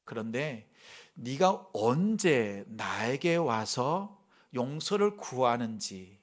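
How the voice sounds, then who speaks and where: A man voicing a gentle, forgiving father who speaks slowly and softly. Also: mid-range voice, big pitch swings. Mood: tender. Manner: slow, soft and tender.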